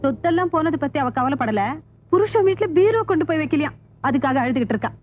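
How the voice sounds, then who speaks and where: A scolding village mother, high quick voice, tinny old film sound with music. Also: animated. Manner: scolding, protective.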